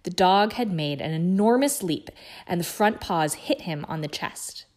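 A woman reading a book chapter aloud in a hushed, suspenseful way. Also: lowish voice, lively intonation, unhurried. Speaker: guest reader.

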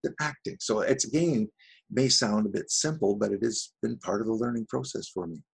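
Gravelly, husky retired man chatting. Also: fairly low pitch, a little fast. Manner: rambling, self-deprecating, with frequent restarts. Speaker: voice-over artist guest. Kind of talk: casual interview chat.

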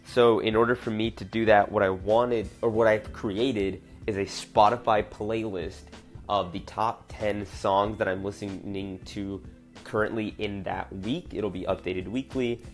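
A young man with a low-pitched voice that sounds stuffed up and nasal, as if his nose is blocked. He hosts a podcast alone in an informal, earnest, chatty way. Music plays along with his voice. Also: fairly even intonation, unhurried. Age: young adult. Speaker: podcast host. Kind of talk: casual solo podcast chat.

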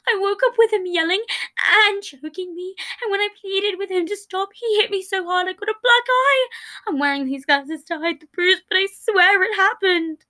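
A woman doing a soft fatherly young man. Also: extremely high pitch, moderate pace, pitched above the performer's own voice. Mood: tearful. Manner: soft, plaintive, tearful pleading. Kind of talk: fan fiction read aloud.

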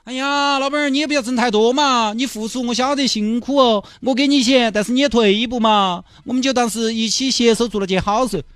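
A man with a Sichuanese accent voicing an excitable, soft-hearted man who gushes and wheedles for a dolphin's life. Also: brisk, few pauses, clean tone, no echo, clean studio sound. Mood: wheedling. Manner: shrill, gushing, wheedling.

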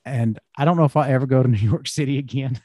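Folksy Southern-accented middle-aged host. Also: male voice, medium pitch, fast, a little mellow, breathy edge, no echo, clean studio sound. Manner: folksy, rambling storyteller. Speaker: podcast host. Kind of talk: casual interview chat.

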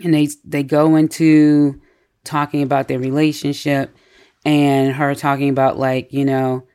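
A podcast co-host in a casual book discussion, retelling the story in an animated way with many fillers and frequent laughter. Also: mid-range voice, a little slow, smooth. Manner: laughs often while retelling.

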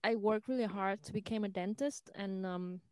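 Woman, smooth clear voice, dry close sound, hesitant. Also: medium pitch, moderate pace, no room sound. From Vietnam. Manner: hesitant, many ums and restarts. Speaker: guest musician. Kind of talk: interview answers.

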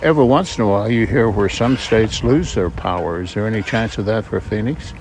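A man's voice: lowish voice, expressive, a little fast, a little mellow. A man from Southern Illinois with a drawl of that region, casually interviewing campers at a campground and asking joking questions. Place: campground outdoors.

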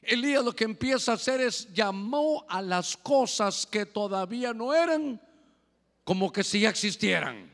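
A high-voiced man preaches a sermon, his words ringing out with a long reverb in a church hall. He tells stories and keeps calling his listeners "brother". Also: animated, a little slow, fairly bright tone. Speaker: pastor.

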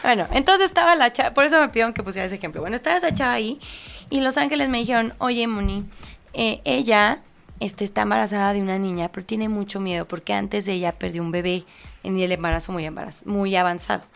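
A woman with a Mexican accent, a guest on an interview show, telling stories in lively casual chat and acting out the voices of the people in them. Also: mid-range voice, fast talker, vocal fry. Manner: animated storytelling, acts out quoted voices, laughs often. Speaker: angel medium guest.

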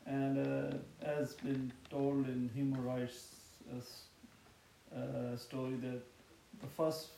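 A man talking in a halting way as a podcast guest, repeating words and using unusual grammar. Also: mid-range voice, level tone, vocal fry, mellow. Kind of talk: casual chat. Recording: echoey room with faint hiss.

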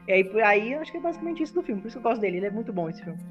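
A woman hosting a casual movie review podcast, leading the talk in a quick, enthusiastic way. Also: medium pitch, sing-song, highs cut off, music in the background. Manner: quick, enthusiastic, leads the segments. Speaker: podcast host.

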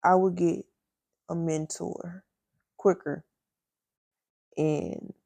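A woman in her twenties hosting her podcast, talking candidly and emotionally in casual slang, close to tears and pausing often. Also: fairly low pitch, fairly even intonation, gravelly, mellow, slightly rough, dry recording. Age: 20s. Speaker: podcast host. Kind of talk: personal casual chat.

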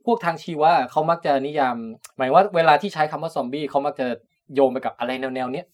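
A man's voice: on the high side, fast. A man hosting a casual science podcast, explaining at length and laughing often. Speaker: podcast host, biologist.

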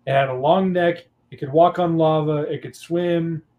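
A man's voice: on the high side, normal speed, narrow, tinny audio. A young adult man, a guest on a casual podcast, telling teaching stories with lots of fillers. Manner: storytelling, animated, many fillers.

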